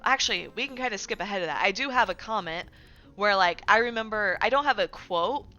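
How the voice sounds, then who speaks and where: A woman's voice: mid-range voice, expressive, fairly quick, pushed and bright, dull audio. A woman streamer talking casually to her viewers, full of fillers and often checking in with "right?". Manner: chatty, filler-heavy, keeps asking "right?". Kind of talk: casual livestream commentary.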